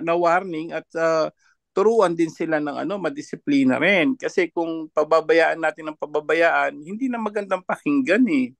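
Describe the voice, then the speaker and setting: Brief: high-pitched male panelist, dry close sound, scornful and chuckling. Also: vocal fry, no room sound. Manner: mocking, laughs often between jabs. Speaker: panelist commenting on a debate. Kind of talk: online discussion commentary.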